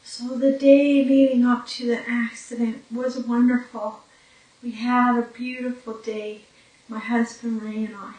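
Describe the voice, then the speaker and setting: A woman, telling her story as a brain injury survivor in a documentary interview, speaking in a halting way with pauses. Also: fairly high pitch, little pitch movement, a little mellow, far from the mic. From Newfoundland, Canada. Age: 40s. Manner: slow, halting, with pauses and fillers. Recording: echoey room, voice from off-mic.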